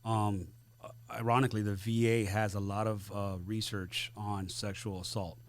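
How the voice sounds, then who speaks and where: A man with a fairly low voice hosts a podcast, laying out information in a conversational way with frequent "uh" and "um" pauses. His voice sounds dry and close, with little room sound. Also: little pitch movement, no room sound. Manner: explanatory, often pausing on "uh" and "um". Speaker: podcast host. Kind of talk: conversational explanation.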